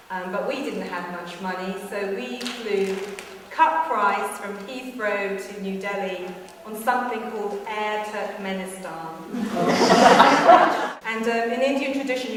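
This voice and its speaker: A woman's voice: mid-range voice, a little hiss or hum. A woman telling a personal story to an audience, chatty, with many ums and laughing asides. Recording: echoey hall from far off.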